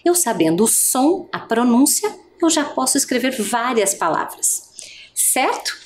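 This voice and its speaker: A woman's voice: fairly high pitch, big pitch swings, measured pace, a little hiss or hum. A woman teacher giving an adult literacy lesson, speaking patiently and stretching out each vowel sound.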